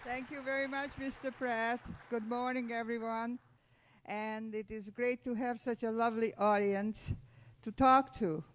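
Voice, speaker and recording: An elderly woman gives a testimony talk to a room of students. She speaks in a measured, deliberate way and addresses the children directly. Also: fairly high pitch, fairly even intonation. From Hungary. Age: 80s. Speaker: Holocaust survivor speaking to students. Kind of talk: testimony talk to a school audience.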